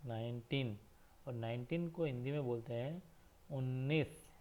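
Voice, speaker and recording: A man teaching a slow, repetitive counting lesson for children, spelling words letter by letter and asking questions that he answers himself. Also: mid-range voice, mellow. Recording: dull lo-fi recording.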